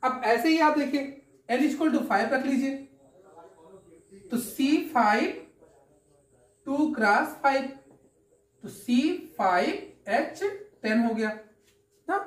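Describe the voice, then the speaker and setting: A woman with a fairly high voice gives a chemistry lesson. She explains patiently step by step, poses questions and answers them herself, and keeps checking that everyone follows. The room is echoey. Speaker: chemistry teacher. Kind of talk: classroom lecture.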